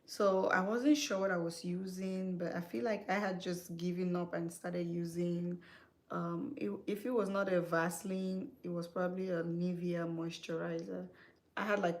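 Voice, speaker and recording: A woman's voice: lowish voice, level tone, normal speed, darkish tone. A young woman from Cameroon, chatting casually to her viewers as a skincare vlogger while she does her makeup, with many fillers, repeated words and self-corrections.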